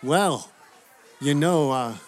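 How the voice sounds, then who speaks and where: An actor playing a friendly, easygoing dad in a scripted comedy, chatting casually and approvingly. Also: male voice, a little high, slow pace. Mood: encouraging. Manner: casual, complimentary. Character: friendly dad and stadium announcing coordinator, easygoing. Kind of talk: scripted screen comedy acting. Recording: light crowd and background noise.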